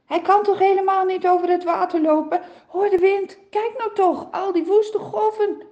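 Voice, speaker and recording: A woman's voice: very high-pitched, steady tone, moderate pace, muffled recording, pitched above the performer's own voice. A woman voicing Peter, an eager, impulsive disciple, in a children's Bible story. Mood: alarmed.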